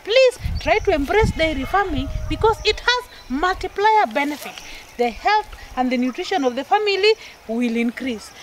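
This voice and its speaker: A woman's voice: very high voice, expressive, normal speed, background noise. A middle-aged woman presenter outdoors on a farm, earnestly summing up and urging viewers. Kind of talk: persuasive summing-up to camera.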